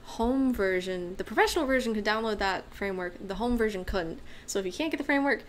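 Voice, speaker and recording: A woman's voice: mid-range voice, lively intonation, fast, a little hiss or hum. A woman hosting a casual livestream, rambling through viewer questions with many fillers, her voice getting worn. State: losing her voice. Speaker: livestream host and maker.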